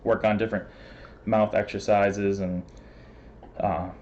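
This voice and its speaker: Male guest, lowish voice, talks fast with fillers and laughs, muffled lo-fi stream sound. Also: level tone, darkish tone, a little hiss or hum. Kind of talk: casual interview.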